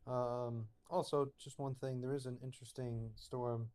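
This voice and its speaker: Calm matter-of-fact forecaster man. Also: mid-range voice, a little slow. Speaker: co-host forecaster. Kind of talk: live weather coverage chat.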